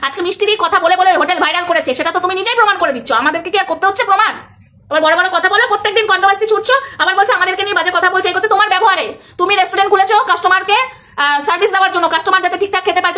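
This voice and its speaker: A woman's voice: extremely high pitch, pushed and bright. A young woman hosting a ranting commentary vlog, scolding someone with rhetorical questions and repeating her points. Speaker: vlogger host.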